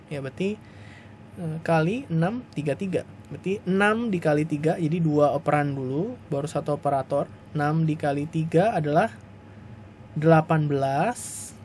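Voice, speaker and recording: A man's voice: on the high side, darkish tone, a little hiss or hum. A man giving a recorded lecture to his students, patient and repetitive, with many small fillers as he explains step by step. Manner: patient, repeats points with frequent "ya" and "eh" fillers.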